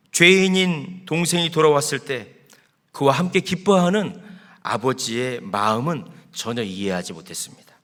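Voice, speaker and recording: Animated high-voiced male preacher. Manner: animated storytelling preacher, rising and falling emphasis. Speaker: pastor. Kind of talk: sermon. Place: church sanctuary.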